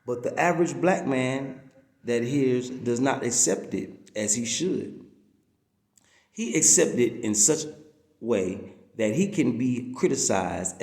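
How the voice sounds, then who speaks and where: A man with a mid-range, darkish voice reads a religious-political text aloud in a preaching style, drawing out emphasized words. The recording is reverberant.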